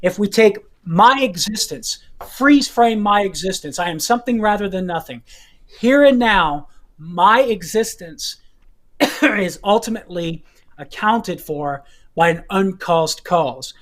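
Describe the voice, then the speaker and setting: A man's voice: high-pitched, animated, a little slow, fairly bright tone. Man, guest teacher, careful explanation, repeats himself, checks in with okay, coughing now and then. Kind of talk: explaining philosophy to hosts.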